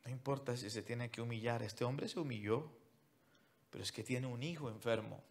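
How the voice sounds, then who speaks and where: A pastor preaches a sermon in a mid-range voice at a moderate pace, swinging between loud, emphatic calls and near-whispers. He addresses listeners directly with repeated commands and mocks what churchgoers say in a whiny put-on voice.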